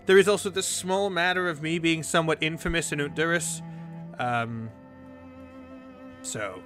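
A man's voice: fairly high pitch, moderate pace, music in the background, close to an everyday voice. A man voicing a runaway noble's second son who hesitates and hedges with fillers. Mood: evasive. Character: noble second son hiding his title, evasive young man. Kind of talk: tabletop role-play in character.

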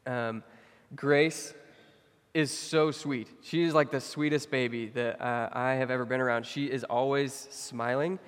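Young male pastor, loose and conversational preaching, middle-pitched voice, hall reverb. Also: a little slow, clean tone. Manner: conversational, many fillers, animated when telling stories. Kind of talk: sermon.

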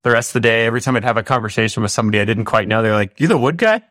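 A man co-hosting a podcast, chatting casually in an upbeat, informal, halting way. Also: lowish voice, level tone, a bit bright, no echo, clean studio sound. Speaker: podcast host. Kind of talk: casual chat.

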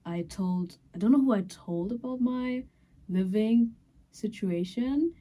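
Dry, deadpan young woman guest. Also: on the high side, unhurried. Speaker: podcast guest, former roommate. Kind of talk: casual chat.

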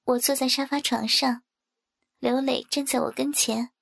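A woman narrating a first-person story in a soft, even reading manner. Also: sits high, moderate pace, gravelly. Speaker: audiobook narrator.

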